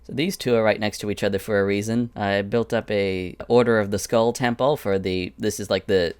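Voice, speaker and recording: A man's voice: fairly low pitch, fairly even intonation, brisk, clear, resonant tone. A man giving a casual, chatty walkthrough of his animation sets, drifting into asides as he goes. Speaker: animator showing his Minecraft prop world. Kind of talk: casual screen-recorded walkthrough.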